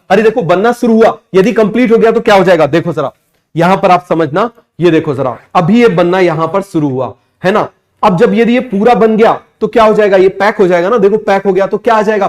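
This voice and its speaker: A man teaching biology in a fast exam-prep lecture, firing quick questions at students and repeating key terms slowly, mixing with terms. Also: high-pitched, a little mellow. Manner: rapid, drilling questions, repeats answers slowly.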